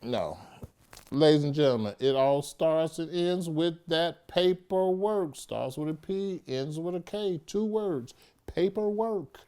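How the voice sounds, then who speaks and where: A man's voice: on the high side, unhurried, dark tone, clear, resonant tone. A man working as a judge, hosting a legal vodcast, explaining things with emphasis and playful asides, slipping into casual speech. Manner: emphatic, playful, lapses into informal speech and mock dialogue. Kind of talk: animated explanatory talk.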